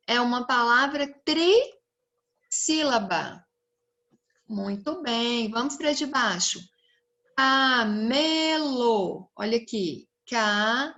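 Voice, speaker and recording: Slow-spoken Brazilian woman teacher. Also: a little high, a bit bright. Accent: Brazilian Portuguese. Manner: slow, stretched-out words and questions to the pupils. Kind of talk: recorded class lesson for children.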